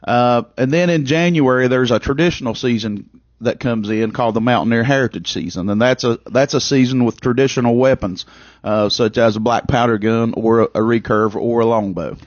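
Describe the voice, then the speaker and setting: A man speaking as a game warden guest, giving easygoing, somewhat halting answers in a casual interview. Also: medium pitch, no echo, muffled recording.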